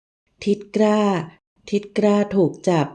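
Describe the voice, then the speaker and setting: A woman's voice: takes it slowly, dark tone, lightly acted. A woman voicing a loyal, flustered young palace maid in an audiobook reading, with urgent, pleading delivery. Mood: anxious.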